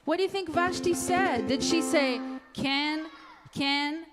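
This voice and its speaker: A woman hosting interactive storytime for young children in a singsong, drawn-out, playful way, like a puppet show host. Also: very high-pitched, lively intonation. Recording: echoey hall, ukulele music nearby.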